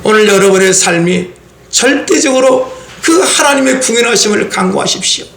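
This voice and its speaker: A male pastor preaching a fervent Sunday sermon with a very high voice and a rough, gravelly edge. His delivery is impassioned and at times rises into shouting. The sound rings through a reverberant church sanctuary. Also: expressive, moderate pace.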